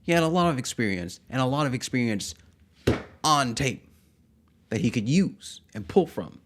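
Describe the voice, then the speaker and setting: A man hosting a vlog, acting out a comic skit and then talking quietly and reflectively. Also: mid-range voice, moderate pace, background noise. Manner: animated comic skit delivery, shouting out names. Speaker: YouTuber. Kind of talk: comedic vlog monologue.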